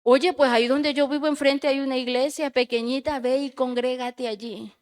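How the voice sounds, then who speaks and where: A woman's voice: high voice, steady tone, normal speed, a little mellow. A middle-aged woman giving a fervent, emotional religious testimony in a small church, speaking like a preacher.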